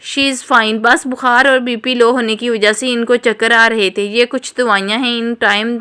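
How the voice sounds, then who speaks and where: A calm, matter-of-fact male doctor gives reassurance in a storybook, as a woman reads him. He slips English words in. The tone is bright and crisp. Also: fairly high pitch, unhurried. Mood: reassuring.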